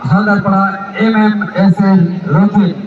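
A man's voice: sits high, level tone, a little slow. A man announcing players and teams live at a football match, heard from afar at an outdoor ground. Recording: echoing PA-like distant sound, dull, some crowd noise.

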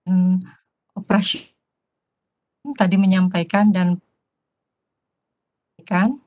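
A woman presenter speaking in halting, broken-off phrases over a laptop video call whose audio keeps cutting out and glitching. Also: lowish voice, little pitch movement, a little mellow, highs cut off. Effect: choppy, cutting-out online call audio. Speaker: webinar presenter.

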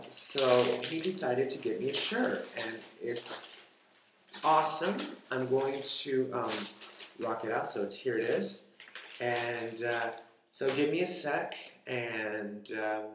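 A man chats with his viewers in an unhurried, meandering way and keeps circling back with fillers. His voice sits at an ordinary pitch for a man. The room around him gives the sound a noticeable echo. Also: background noise. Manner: rambling, many fillers and restarts. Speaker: vlogger. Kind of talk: casual vlog chat. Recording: echoey room.

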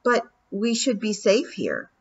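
A practical, determined young girl speaking earnestly in a slightly raised, husky voice, read by a woman narrating a storybook. The sound is muffled and lo-fi. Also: mid-range voice, wildly swooping pitch, takes it slowly, voice pushed up, heavily acted.

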